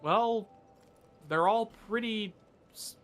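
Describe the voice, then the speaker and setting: A man's voice: high voice, slow pace, a bit bright. Wry, teasing man coaching a gamer. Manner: wry, teasing, explains game mechanics. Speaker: co-host guiding the player. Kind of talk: casual game commentary.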